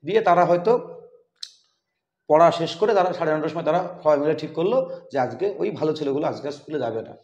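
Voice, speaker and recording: Fast-talking man, high voice, roomy sound. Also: lively intonation, a little mellow. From West Bengal, India. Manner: rambling, repeats himself, frequent fillers. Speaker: interviewer. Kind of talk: conversational interview. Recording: roomy, slightly dull sound.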